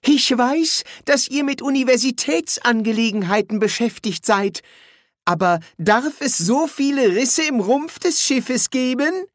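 A man voicing a stout, fussy elderly housekeeper woman in a high put-on voice, politely worried. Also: animated, measured pace, dry recording, studio quality. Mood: fretful. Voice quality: high put-on falsetto, slightly distant timbre.

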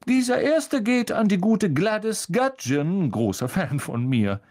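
A man's voice: high voice, very animated, a little slow, a little mellow, pitched above the performer's own voice. A man voicing a vain, self-admiring teacher who talks in a lofty, pompous way. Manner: pompous, airy.

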